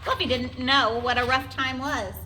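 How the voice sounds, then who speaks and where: A woman teacher reading a storybook aloud in an expressive way, adding chatty asides. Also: high voice, moderate pace, echoey room, a little hiss or hum.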